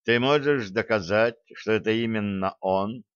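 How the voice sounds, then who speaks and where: A man voicing a tough, suspicious Scottish fighter in an audiobook, with gruff, clipped questions. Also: fairly low pitch, a little slow, no room sound, natural voice. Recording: dull lo-fi dry audio.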